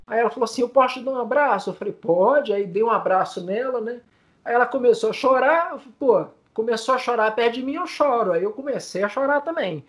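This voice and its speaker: A man speaks in a fairly high voice, telling stories to an interviewer. He sounds tearful and choked up. He stumbles, repeats words and fills his pauses as his voice breaks. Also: animated. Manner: many fillers, repeats words. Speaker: guest, community news group founder. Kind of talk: emotional storytelling in interview.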